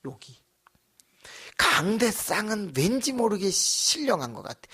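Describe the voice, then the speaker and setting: Man, pastor, sermon in a church, animated storyteller, husky, very lively pitch. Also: measured pace. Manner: animated storytelling with acted voices.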